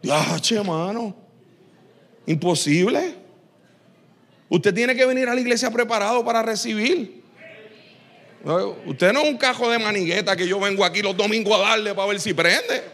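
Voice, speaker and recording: A man preaching a lively, joking sermon in church, teasing his congregation with quick asides. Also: high-pitched. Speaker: pastor.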